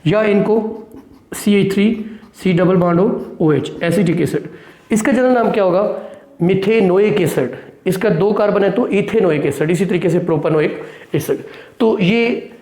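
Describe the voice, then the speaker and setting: A man's voice: sits high, measured pace, a little mellow, echoey room. A man teaching a chemistry lesson at a board, asking questions and answering them himself, often checking with "right?" and mixing English technical terms into his speech. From Pakistan. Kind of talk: classroom lecture at a board.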